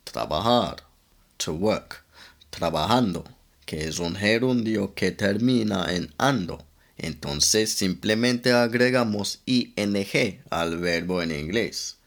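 Slow, deep-voiced man teaching English grammar. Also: animated, a bit bright. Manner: slow, methodical, spells out letters one by one. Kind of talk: scripted grammar lesson.

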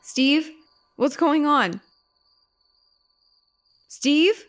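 A woman voicing a frightened, outraged mother in a spooky story, her voice rising shrill and alarmed. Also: very animated, moderate pace, a little hiss or hum.

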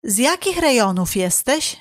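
A woman reading short phrases slowly and clearly for a language lesson. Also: a little high, very animated, no room sound, clean studio sound. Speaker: phrase reader in the learner's language.

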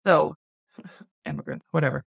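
Steady and unhurried, this mid-range, gravelly, slightly rough voice belongs to an Irish presenter in their forties from an online school. Speaking to camera in a dry recording, they offer forceful, blunt views, digressing often and adding tag questions like "right?"

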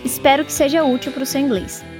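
A Brazilian woman reading a scripted English pronunciation lesson for a podcast, clear and deliberate as she pairs each word with its translation. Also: high voice, fairly even intonation, soft background music. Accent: Brazilian Portuguese.

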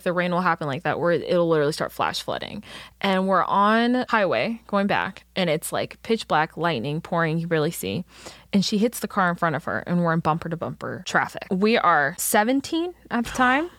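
A young woman from Texas telling a long, animated personal story in casual chat, swearing freely, laughing, and acting out the voices of the people in it. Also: lowish voice, moderate pace, no echo, studio quality.

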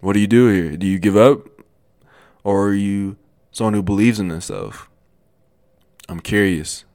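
A man in his twenties telling a motivational story in a casual, animated way, with many restarts and repeated phrases. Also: lowish voice, moderate pace, dry recording, studio quality. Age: 20s. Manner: animated, repetitive, lots of restarts. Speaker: motivational vlogger.

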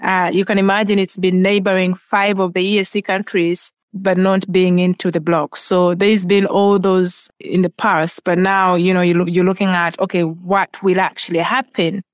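A woman's voice: fairly low pitch, flat delivery, moderate pace, few pauses, no room sound, clean studio sound. A woman co-hosting a casual discussion, chatty and full of fillers and restarts.

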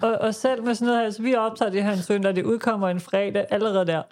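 A woman's voice: medium pitch, steady tone, darkish tone. A Danish-accented woman co-hosting a podcast, chatting casually and telling anecdotes with acted-out quotes. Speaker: podcast co-host.

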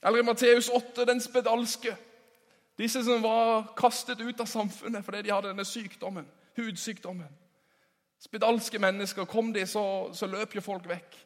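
A man delivers a sermon with a fairly high voice. His delivery is emphatic, swinging between ringing calls and hushed asides. The sound carries a long reverb from a large church hall. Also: level tone. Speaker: preacher.

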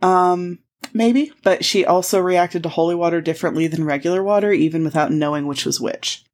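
A woman's voice: on the low side, a little fast, darkish tone. A woman co-hosting a podcast in casual chat, telling stories animatedly with frequent laughs and swearing. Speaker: podcast co-host.

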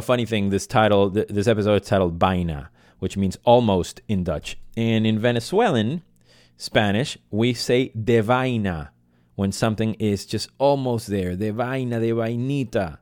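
A man with a fairly low voice, recorded close and dry. He hosts a solo fan podcast off the cuff. His delivery is casual, passionate and led by feeling. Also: no echo. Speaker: podcast host.

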